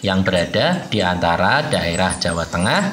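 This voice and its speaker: A man's voice: deep voice, animated, normal speed, a bit bright. A man voicing a friendly young male tour guide in a children's cartoon, cheerful and welcoming. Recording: roomy sound with faint noise.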